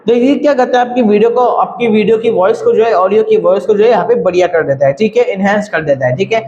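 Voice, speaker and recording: A man's voice: sits high, quick pace, a little mellow, highs cut off. A man teaching audio editing in a casual screen-recorded tutorial, chatty and repetitive. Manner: chatty, repeats "thik hai" and "bhai".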